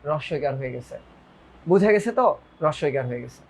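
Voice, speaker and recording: A man's voice: a little high, expressive, fast talker. Man teaching grammar. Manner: repeats phrases, asks students questions; mixes English words into talk. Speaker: Bengali grammar tutor. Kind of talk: online lecture.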